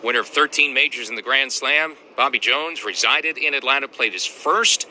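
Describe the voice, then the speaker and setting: A man's voice: medium pitch, moderate pace, pushed and bright. A man hosting a golf radio broadcast as lead commentator, with polished announcer delivery. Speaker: radio sports anchor.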